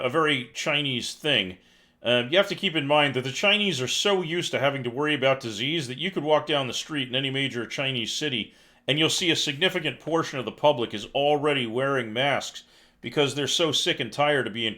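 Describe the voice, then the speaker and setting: A man reads news headlines on a live stream, then breaks off to mock them with sighs and dry sarcasm. His voice has a bright, forward edge, and his pitch sits in an ordinary middle range. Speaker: livestream news commentary host. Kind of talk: casual live news commentary.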